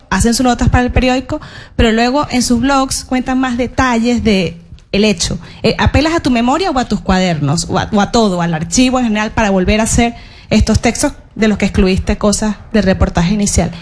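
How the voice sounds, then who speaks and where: A woman's voice: fairly high pitch, a little mellow. A woman journalist with a Caribbean Spanish accent, asking a question at a public talk.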